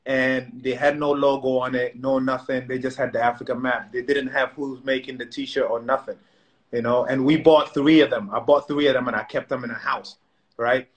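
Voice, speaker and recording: Recorded on a phone video call in a room at home, the co-host is a middle-aged man from South Sudan sharing his story in relaxed conversation. His voice is mid-range with little pitch movement and a moderate pace, and he keeps restarting and saying "you know."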